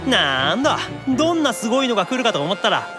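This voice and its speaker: An actor voices a geeky, shy young male demon in an anime-style audio drama, speaking fast in a high, sing-song voice over music. He's snarky, competitive, needling and boyish, stammering whenever he gets embarrassed.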